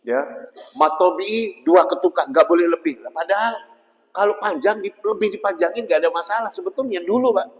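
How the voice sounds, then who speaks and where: Chatty preacher in a ringing mosque. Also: male voice, high-pitched, a little fast. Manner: jokey, chatty, keeps tagging "Pak" and "ya". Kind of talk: casual dawn-study sermon. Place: mosque hall. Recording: long mosque-hall reverb.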